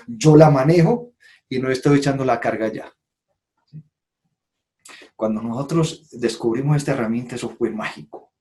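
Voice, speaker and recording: A man's voice: fairly high pitch, mellow. A man giving a conference talk, acting out quoted phrases and often checking in with "¿sí?". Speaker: conference speaker. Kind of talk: live lecture to an audience.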